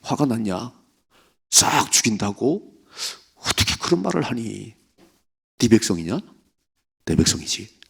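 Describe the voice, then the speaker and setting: A man's voice: fairly low pitch, very animated, measured pace, creaky, long pauses, fairly bright tone, breathy edge, heavily acted. A man voicing God as a stern, fatherly spirit who scolds David with pointed questions. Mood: scolding.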